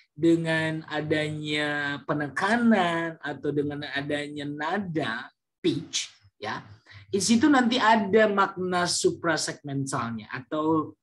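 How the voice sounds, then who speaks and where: A man teaching a class, explaining slowly with many fillers and sometimes acting out example words loudly. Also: fairly high pitch. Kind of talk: classroom lecture.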